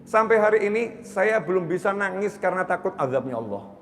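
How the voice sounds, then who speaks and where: Animated high-voiced preacher man in a reverberant hall. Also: fairly quick, a little hiss or hum. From Indonesia. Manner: animated, swinging between loud urging and quiet confession. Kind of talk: sermon.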